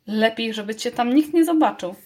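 A woman's voice: on the high side, expressive, moderate pace, darkish tone, natural voice. A woman reading a storybook aloud and voicing a firm, bossy, clever schoolgirl. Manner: firm, commanding.

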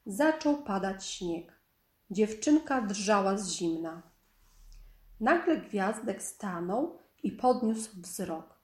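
Slow, calm woman reading a storybook. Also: mid-range voice. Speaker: storybook narrator. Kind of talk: reading a children's story aloud. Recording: echoey room.

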